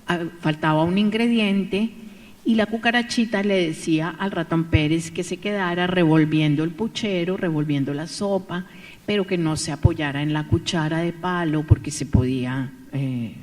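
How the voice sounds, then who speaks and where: A woman telling a folk tale aloud at a seminar in a lively way, with asides to her listeners. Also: sits low. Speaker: storyteller. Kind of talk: oral storytelling at a seminar. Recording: echoey hall, voice from far off.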